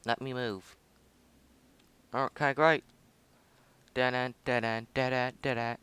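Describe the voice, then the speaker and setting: A man's voice: medium pitch, fairly even intonation, slow, a bit bright, clear, resonant tone. A young man casually commenting on his own space game footage, rambling, humming and joking at himself. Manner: rambling, self-mocking, hums and mutters to himself. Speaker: gameplay video host.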